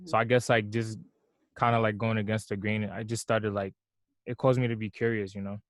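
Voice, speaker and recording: A young man, a musician and designer talking softly in a casual interview, with many "like"s and "um"s. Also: fairly low pitch, level tone, a little fast, dry recording. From Brooklyn, New York. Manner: soft-spoken, lots of "like" and "um". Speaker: guest musician and fashion designer.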